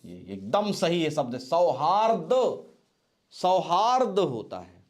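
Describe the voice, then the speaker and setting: A man teaching a spelling lesson in a slow, drawn-out way, repeating each word over and over as if dictating. His voice sits a little high and swings widely in pitch. He drills correct forms patiently, one after another. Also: sing-song. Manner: slow, repeats each word several times while writing. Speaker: Hindi grammar teacher. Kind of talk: exam-prep board lesson.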